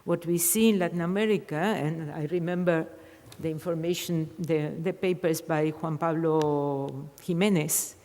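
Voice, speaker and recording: A woman's voice: low voice, fairly even intonation, moderate pace, darkish tone, in a large hall. An older woman from Argentina, answering a question in an academic lecture, thinking aloud with frequent restarts and repeated words. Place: lecture hall.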